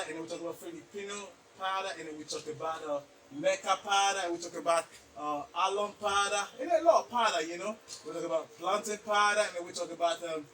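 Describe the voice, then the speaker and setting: A man's voice: high-pitched, bright, forceful tone, slight background noise. A man from Nigeria selling cosmetics, showing off his stock in a stockroom with hyped, slangy salesman patter. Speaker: cosmetics seller. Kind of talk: product showcase video. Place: indoor stockroom full of products.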